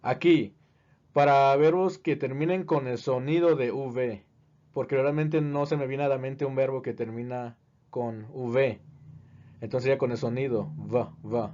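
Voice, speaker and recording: Man, language teacher, slow and deliberate, drills words by repeating them, muffled lo-fi sound. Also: medium pitch, warm tone. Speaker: English teacher. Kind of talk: video lesson. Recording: dull, lo-fi recording.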